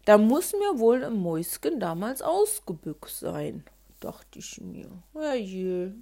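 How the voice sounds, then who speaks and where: A woman telling a childhood story in a chatty, colloquial manner. Her voice sits high and moves lively up and down in pitch. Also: unhurried, vocal fry.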